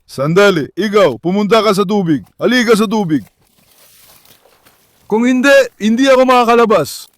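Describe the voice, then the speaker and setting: Coaxing high-voiced man calling to dogs. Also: expressive, normal speed, long pauses, dry recording. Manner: coaxing, affectionate calls to his dogs. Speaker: vlogger and dog owner. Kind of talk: casual vlog talk to pets and viewers. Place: outdoors at a backyard pool.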